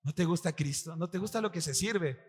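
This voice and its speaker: A man's voice: on the high side, a little fast. A male pastor with a Peruvian accent preaching a sermon to his congregation, acting out quotes and firing questions at the room. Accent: Peruvian Spanish. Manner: animated, acts out quotes, quizzes the congregation. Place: church hall with congregation. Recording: long hall reverb, faint music.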